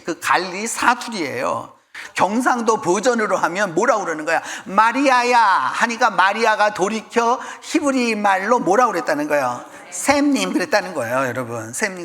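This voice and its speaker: A man's voice: high voice, sharp tone. A man preaching a sermon, constantly firing questions at the congregation. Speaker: pastor. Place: church sanctuary. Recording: long reverb in a church hall.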